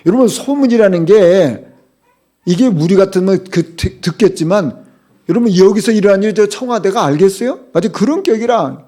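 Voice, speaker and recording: A middle-aged male pastor preaching with a lively, rising and falling delivery. His voice sits a little high for a man. He hammers points home with rhetorical questions, swinging between loud stresses and hushed asides. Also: normal speed. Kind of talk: sermon.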